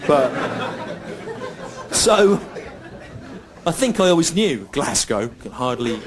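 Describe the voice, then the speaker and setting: A middle-aged man performing a stand-up comedy routine on a stage in front of a live audience, with dry, deadpan and repetitive phrasing. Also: fairly high pitch. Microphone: stage microphone. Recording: live show recording with audible noise. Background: audience laughter.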